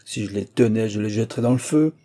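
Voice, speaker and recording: A man putting on a sharp-tongued scolding mother. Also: lowish voice, quick pace, lightly acted. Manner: indignant, scornful.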